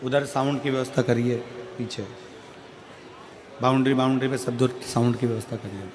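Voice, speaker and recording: A man's voice: medium pitch, fairly even intonation, moderate pace, in a large hall. A man preaching a devotional sermon to a large gathering, building his points through repetition and questions put to the crowd.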